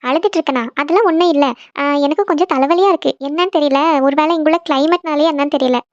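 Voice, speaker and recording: A woman's voice: sits high, fast, no room sound, dull audio, close to an everyday voice. A woman voicing a tearful, proud young woman in a cartoon, defensive and insisting nothing is wrong. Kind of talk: cartoon voice acting.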